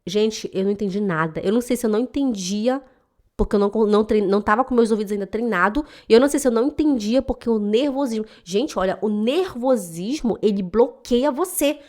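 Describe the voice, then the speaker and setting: A woman's voice: fairly high pitch, a little fast, a little mellow. A woman, a German teacher who speaks emotionally and emphatically straight to her viewers in a motivational vlog. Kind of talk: direct-to-camera motivational vlog. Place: home in Switzerland.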